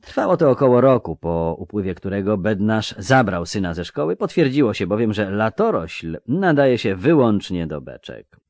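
A man narrating an audiobook in an expressive, measured reading. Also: fairly low pitch, dry recording.

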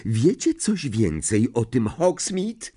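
A man's voice: medium pitch, sing-song, dark tone, breathy edge, voice pushed up, exaggerated voice. A man voicing an anxious, bookish teenage schoolgirl witch in an audiobook reading, speaking in an earnest, urgent way. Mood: inquisitive. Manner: earnest, urgent, slowed and lifted.

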